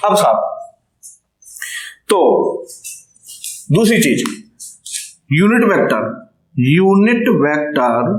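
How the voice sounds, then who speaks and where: A male physics teacher giving an emphatic, repetitive classroom lecture. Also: fairly high pitch. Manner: repetitive, emphatic teaching with frequent check-ins. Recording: echoey room.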